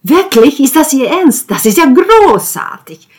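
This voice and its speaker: A woman reading aloud, voicing an excited middle-aged male TV producer and doting father who gushes loudly and breathlessly. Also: mid-range voice, a little slow. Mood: overjoyed.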